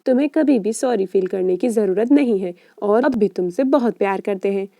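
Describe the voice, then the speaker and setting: A woman's voice: mid-range voice, a little fast, vocal fry, mellow, no echo, studio quality, lightly acted. A woman voicing a lovesick young man who pleads with his ex-girlfriend to come back. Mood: tender.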